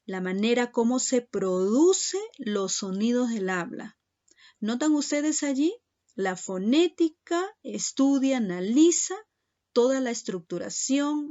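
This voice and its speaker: A woman's voice: a little high, dark tone, muffled recording. A woman teaching a secondary school class in a recorded lesson, speaking patiently and addressing her students directly.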